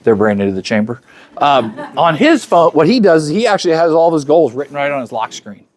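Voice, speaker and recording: A man in his fifties delivers a motivational talk to a luncheon crowd, his voice sitting a little higher than most men's. He talks to the room in a loose, chatty way and slips into the voices of the people he quotes. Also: sing-song, a little fast, a little mellow. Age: 50s. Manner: conversational, acts out quoted dialogue; chatty, speaks directly to the crowd. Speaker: luncheon speaker.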